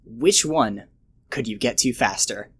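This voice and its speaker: A man's voice: medium pitch, a little slow, a bit bright, breathy edge. A man hosting a podcast in casual chat, playfully posing silly hypothetical questions. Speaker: podcast host.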